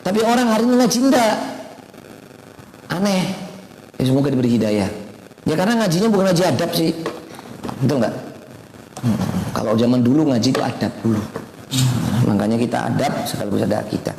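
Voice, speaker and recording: A man's voice: medium pitch, expressive, a little fast, creaky, pauses often, darkish tone. A man giving an informal sermon to a study circle, chatty and often quizzing his listeners. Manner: chatty, keeps quizzing the audience. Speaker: ustadz teaching a weekly study circle. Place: home study gathering. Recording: echoey room, long reverb, faint noise.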